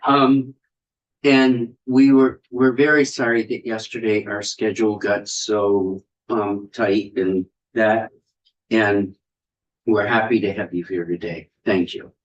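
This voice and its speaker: A man chairing a legislative committee hearing, speaking politely, with frequent "um" pauses. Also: on the low side, little pitch movement, highs cut off.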